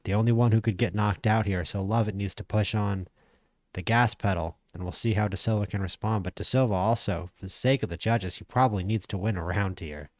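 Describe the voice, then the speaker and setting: A man casually commentating a boxing management game, chatty and opinionated, stammering when he gets excited. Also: fairly low pitch, a little fast, no room sound, clean studio sound. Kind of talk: casual play-by-play commentary over a boxing sim.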